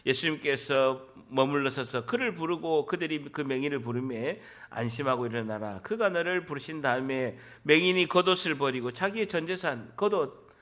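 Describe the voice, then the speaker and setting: A male pastor preaching a church sermon, emphatic and building to loud exhortation. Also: fairly high pitch, normal speed.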